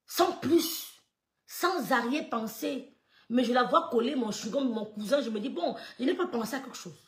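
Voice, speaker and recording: Woman, storytelling, loud-soft swings, stammering, echoey room. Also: a little high, lively intonation, normal speed. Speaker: storyteller recounting gossip. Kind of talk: animated casual storytelling.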